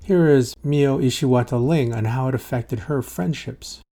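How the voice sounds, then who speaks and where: A male host reads scripted documentary narration in a measured way, his voice low in tone and gravelly at the edges. He introduces each guest in turn. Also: dark tone.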